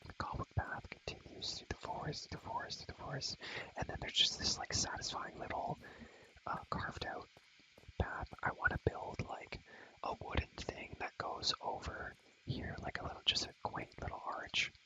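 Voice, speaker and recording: In a rough recording, a man whispers breathily in a casual ASMR style while showing a game, rambling and repeating phrases again and again. His voice is pushed and bright at a normal speed.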